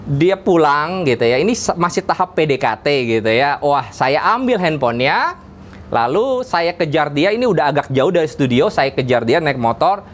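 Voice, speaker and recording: A man preaching a sermon as pastor in a church, with an Indonesian accent, acting out dialogue in a lively, raised voice. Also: fairly high pitch, normal speed.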